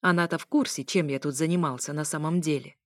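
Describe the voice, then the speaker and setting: A woman reads a first-person story aloud in a lowish voice, wry and lively in her telling. The recording is bone-dry and close to the mic. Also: fast talker, no echo. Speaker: audiobook narrator. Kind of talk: first-person audiobook narration.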